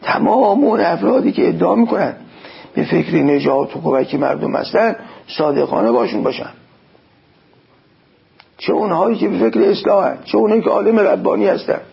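A man's voice: sits high, animated, vocal fry, husky, lo-fi sound. A man preaching a sermon, quoting Arabic phrases and explaining them in an exhorting tone. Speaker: cleric.

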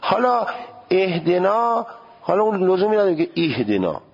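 A man's voice: on the high side, big pitch swings, husky, muffled recording. A male seminary teacher giving a jurisprudence lecture, questioning his students and sounding out pronunciations as he goes.

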